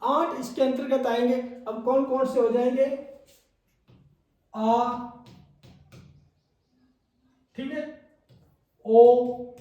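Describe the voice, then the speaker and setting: A man's voice: extremely high pitch, level tone, extremely slow, long pauses, dark tone. A man teaching Hindi grammar as a classroom lecture, repeating key points and checking in with his students. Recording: echoey room, mic far off.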